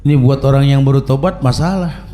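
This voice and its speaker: A man's voice: medium pitch, fairly quick, warm tone. A middle-aged man preaching a humorous sermon, telling stories and chanting Arabic recitations.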